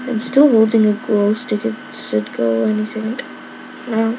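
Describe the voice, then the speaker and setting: A woman's voice: fairly high pitch, little pitch movement, a little slow, gravelly, warm tone, slight background noise, poor audio. A woman giving casual gameplay commentary, rambling with lots of filler words. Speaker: gamer.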